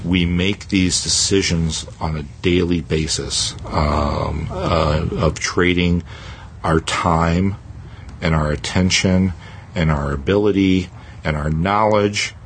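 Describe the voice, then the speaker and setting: A man's voice: deep voice, fairly even intonation, slow pace, a little hiss or hum. A man hosting a podcast in a casual, reflective way, hesitating and repeating phrases as he thinks aloud. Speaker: podcast host.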